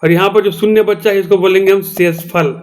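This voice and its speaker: Man, high-pitched, Chhattisgarhi-tinged Hindi accent, maths teacher, step-by-step classroom explanation. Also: fairly even intonation, fairly quick, a little mellow. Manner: explains step by step, repeats "theek hai doston".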